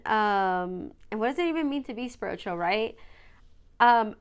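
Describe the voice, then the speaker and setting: Talking loosely on her solo podcast, this young host rambles with plenty of fillers and keeps saying "you guys." Allergies leave her nose stuffy, and her voice is mid-range and smooth.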